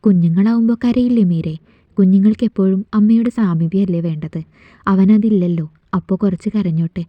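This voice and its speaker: A woman's voice: medium pitch, fairly quick, dry recording, close to an everyday voice. A woman voicing a reserved, curt father in a storybook reading, on a dull, dry recording. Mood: cool.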